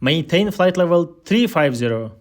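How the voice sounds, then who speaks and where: A male instructor reads a scripted aviation listening drill, delivering air traffic control phrases with careful, deliberate enunciation. His voice sits a little high and sounds expressive.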